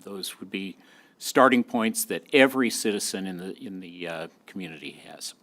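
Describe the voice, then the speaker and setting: A man chairing a city planning meeting, measured and courteous as he thanks speakers. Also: deep voice, expressive, fairly bright tone, a little hiss or hum. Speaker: commission chair.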